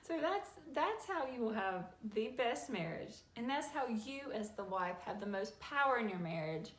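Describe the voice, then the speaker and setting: A woman hosting a faith-based advice talk, folksy and animated. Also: on the high side, moderate pace. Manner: folksy and animated, acts out little scenes. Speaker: host. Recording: echoey room with faint ambient noise.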